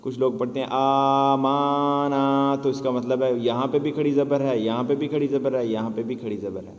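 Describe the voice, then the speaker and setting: A man's voice: mid-range voice, steady tone, warm tone. Man teaching recitation in an echoey room. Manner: explains patiently, chants drawn-out syllables as examples. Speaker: Quran teacher training instructor. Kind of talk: teaching lesson, demonstrating recitation. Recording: echoey room with long reverb.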